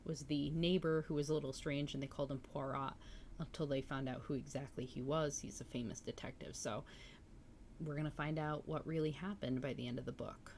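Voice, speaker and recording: Hosting a book-reading livestream, a woman chats casually and enthusiastically, reacting to viewer comments as they come in. Her voice is low and darkish, brisk, with fairly even intonation, over slight background noise.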